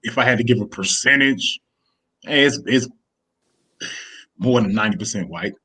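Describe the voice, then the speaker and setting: A man with a husky, mid-pitched voice who speaks plainly with some hesitation. He is a guest in a relaxed podcast chat. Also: normal speed.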